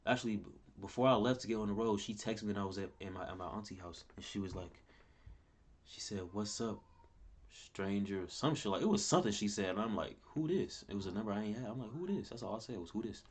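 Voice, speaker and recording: A young man telling a rambling personal story in casual talk, repeating himself and cursing. His voice leaps higher and louder when he reacts. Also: fast talker, a little hiss or hum. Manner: pitch and loudness jump wildly when he quotes or reacts. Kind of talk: casual story time vlog. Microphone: camera mic at close range.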